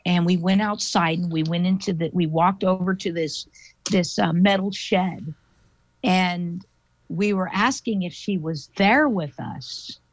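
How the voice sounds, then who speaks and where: A woman, a guest paranormal investigator, telling a story in an animated, chatty way with lots of fillers. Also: fairly low pitch, a little slow, dry recording. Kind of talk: casual storytelling interview. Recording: dull lo-fi dry audio.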